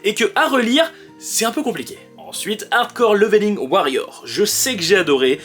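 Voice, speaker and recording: Lively high-voiced man ranking favorites. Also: moderate pace, soft background music. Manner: lively, enthusiastic listing. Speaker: webtoon recommender. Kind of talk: casual chat ranking favorites.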